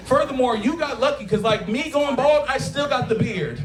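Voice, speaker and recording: An animated comedian in his thirties with an extremely high-pitched voice performs at a moderate pace on a taproom stage. His crude, conversational set often checks in with the live crowd, as laughter echoes around the bar.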